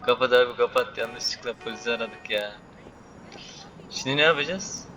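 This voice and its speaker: A young man giving loud, joking commentary while playing a game, swearing and shouting at the characters on screen. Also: medium pitch, moderate pace, crowd noise, poor audio. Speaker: gaming YouTuber. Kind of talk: casual gameplay commentary.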